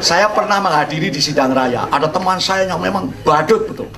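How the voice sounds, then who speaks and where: An older man, a pastor, giving an expository sermon as a humorous, animated storyteller who sprinkles in English words. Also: on the high side, brisk, creaky, distant mic, heavy background noise.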